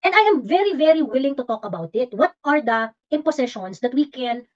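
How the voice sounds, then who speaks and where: A woman's voice: high-pitched, animated, normal speed. A woman with a Filipino accent hosting a casual livestream, combative and teasing, mixing English into her talk. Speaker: livestream host. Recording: slightly dull lo-fi audio.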